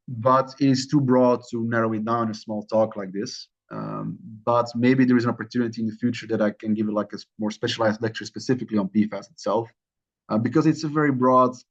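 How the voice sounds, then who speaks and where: A young man giving an academic lecture, speaking loosely with many fillers and restarts. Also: fairly low pitch. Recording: slightly dull lo-fi recording.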